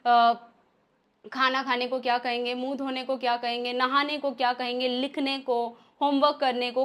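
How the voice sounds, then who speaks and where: A woman with an Indian accent teaching a spoken English lesson, explaining step by step and slowing down to read example sentences. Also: high voice, a bit bright.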